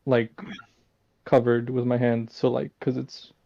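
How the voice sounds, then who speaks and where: A man's voice: mid-range voice, completely flat delivery, unhurried, vocal fry, dark tone, highs cut off. Laid-back man playing a tabletop game. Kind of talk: casual role-play chat.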